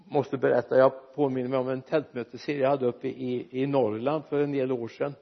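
Husky-voiced preacher man. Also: mid-range voice, muffled recording. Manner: lively preaching, jokes with the congregation. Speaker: pastor. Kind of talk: sermon. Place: church.

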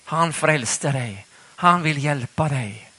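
A man's voice: on the high side, expressive, pushed and bright, slightly rough, no echo. A man preaching a sermon in church, asking the congregation questions in a conversational way.

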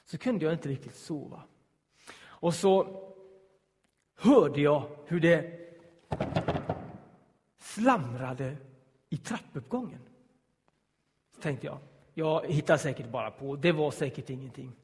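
A man telling a personal story aloud, suspenseful and hushed at the tense moments, acting out the voices he quotes. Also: a little high, lively intonation, pauses often, long reverb tail.

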